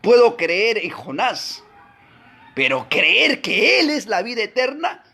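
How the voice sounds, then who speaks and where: A man teaching a Bible class, preaching emphatically with rhetorical questions to his listeners, swinging between loud exclamations and low asides. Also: expressive, takes it slowly, creaky, husky.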